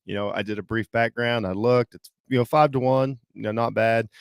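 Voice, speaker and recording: A man from Southeastern Ohio with a slight Southern accent, hosting a casual solo sports podcast, talking haltingly with many fillers and restarts. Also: mid-range voice, fairly even intonation, smooth, no echo, clean studio sound. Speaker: podcast host.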